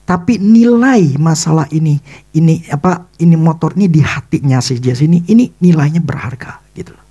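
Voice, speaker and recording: A male pastor preaching a sermon in a lively storytelling manner, acting out the dialogue in casual, everyday phrasing. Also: fairly high pitch, moderate pace.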